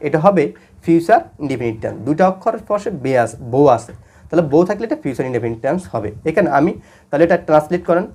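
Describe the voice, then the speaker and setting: Male tutor, quick delivery, slightly high voice, asks and answers his own questions. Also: a little mellow. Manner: explains step by step, asks questions and answers them himself; slows down to repeat example sentences. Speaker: English teacher. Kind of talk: classroom-style grammar lesson.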